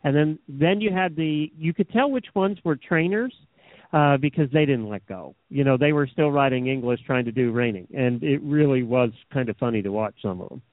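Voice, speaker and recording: A man's voice: medium pitch, normal speed, dry recording. A man co-hosting a radio show, easygoing and joking as he chats. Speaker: radio co-host. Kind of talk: casual radio chat. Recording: tinny phone-line sound, dry.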